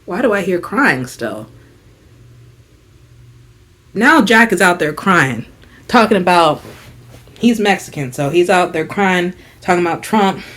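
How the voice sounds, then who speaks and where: With a fairly low-pitched voice, a young female vlogger chats casually through a story, full of slang and animation. Her delivery swings from whispered asides to loud bursts of exasperation.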